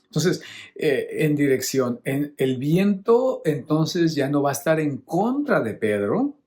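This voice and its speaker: A man's voice: a little high, very animated, takes it slowly, a little mellow. A middle-aged man, a priest preaching a homily on a Bible reading. He explains each point patiently and keeps checking in with his listeners. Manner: teacherly, often checks in with the listeners.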